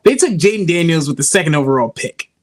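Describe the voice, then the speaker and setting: A man's voice: fairly high pitch, animated, fast talker. A man in his twenties talking sports on a podcast, laying out his points with lots of "like". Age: 20s. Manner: reasoned, argues his points with many likes. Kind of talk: casual chat.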